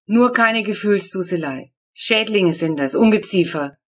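A woman's voice: on the low side, fairly even intonation, normal speed, fairly bright tone, natural voice. A woman voicing a grumpy older male neighbor in an audiobook, ranting with self-satisfied bluster. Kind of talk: audiobook character reading.

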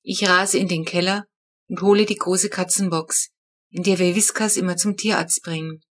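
A woman narrating a children's book with lively, expressive storytelling. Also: lowish voice, moderate pace. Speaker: audiobook narrator.

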